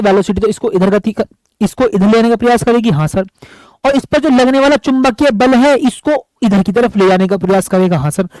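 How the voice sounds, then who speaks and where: A man's voice: sits high, a little mellow, no echo, poor audio. A man teaching physics at a board in an affectionate, repetitive way, often calling his students buddy. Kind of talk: board lecture.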